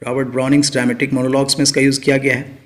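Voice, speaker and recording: A male teacher giving a literature lecture, reading definitions slowly and then explaining them in Hindi. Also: mid-range voice, level tone.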